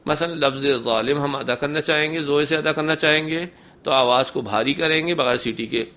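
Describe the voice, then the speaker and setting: A man gives a recitation lesson in a fairly high voice with a crisp, bright edge. He explains patiently and step by step. He pauses to pronounce each letter slowly as a demonstration. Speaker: Quran recitation teacher. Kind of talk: instructional lesson.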